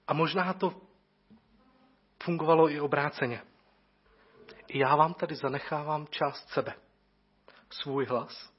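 A man preaching in a church with a husky, breathy voice, earnest and reflective, rising to emphatic lines and then dropping almost to a murmur. The recording is muffled and a little dull. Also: steady tone, pauses often. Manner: earnest, reflective, shifting from raised emphasis to soft low passages. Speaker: pastor. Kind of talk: farewell sermon.

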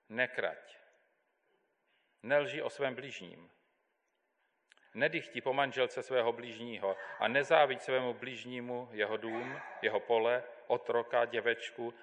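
Man, solemn bible reading, measured and deliberate, mid-pitched voice, long hall reverb. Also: a bit bright. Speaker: scripture reader.

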